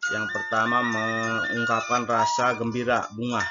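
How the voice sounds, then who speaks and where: A man's voice: medium pitch, completely flat delivery, measured pace, lo-fi sound, over loud music. A man teaching a recorded grammar lesson, explaining patiently and translating each point between two languages.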